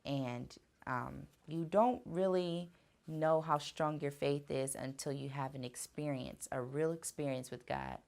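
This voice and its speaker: A woman singer answering fan questions in a casual vlog, speaking earnestly and reflectively with soft fillers. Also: low-pitched, steady tone, unhurried, gravelly. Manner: earnest, faith-driven speaking.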